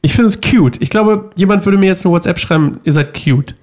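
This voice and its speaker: A man co-hosts a casual podcast chat, playful and teasing, his high-pitched voice still slightly scratchy. He talks fairly quickly, with a slightly mellow tone.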